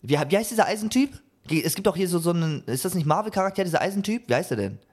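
A young man co-hosting a podcast, chatting casually and telling stories with animated, acted-out exchanges. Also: high-pitched, rapid-fire. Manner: animated storytelling, acts out quoted exchanges. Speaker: podcast co-host. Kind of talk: casual chat.

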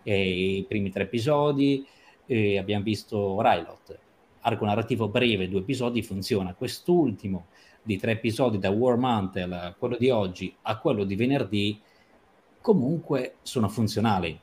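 Emphatic low-voiced man reviewing a series. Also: normal speed, a little mellow, a little hiss or hum. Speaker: series commentator. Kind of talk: livestream episode discussion.

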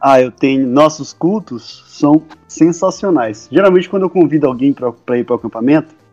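A man with a Brazilian Portuguese accent, telling a story in casual chat, relaxed and rambling with many fillers. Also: fairly high pitch, normal speed, muffled recording, faint music behind. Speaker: podcast co-host.

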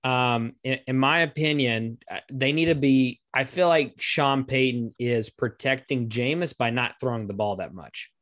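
A man's voice: medium pitch, unhurried, few pauses, a bit bright, dry recording, clean studio sound. A man hosting a casual podcast chat, leading the panel and calling on his co-hosts by turn. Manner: leads the panel, calls on co-hosts. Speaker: podcast host.

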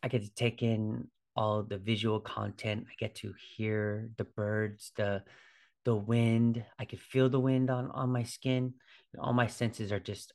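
This fortysomething fitness trainer hosts a casual solo podcast in a lowish, gravelly voice with a darkish tone. He keeps it conversational and loose, regularly asking "right?" along the way.

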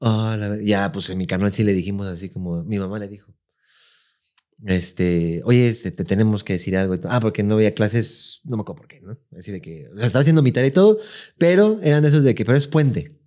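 A man with a Mexican accent, chatting casually as a podcast co-host, telling an animated story full of slang and acted-out quotes. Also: lowish voice, fast. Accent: Mexican Spanish. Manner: animated, acts out quotes in raised voice, heavy slang.

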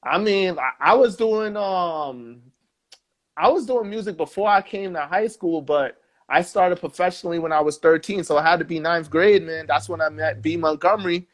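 A man's voice: on the high side, normal speed. Laid-back New York guy, says "man" a lot. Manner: relaxed, peppers speech with "man" and "bro". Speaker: musician guest. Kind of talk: casual interview chat.

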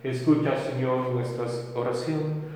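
Priest praying in cathedral echo. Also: male voice, medium pitch, fairly even intonation, unhurried, darkish tone. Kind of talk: solemn liturgical recitation of prayers. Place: large reverberant church interior. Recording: cathedral-like echo with long reverberant tail.

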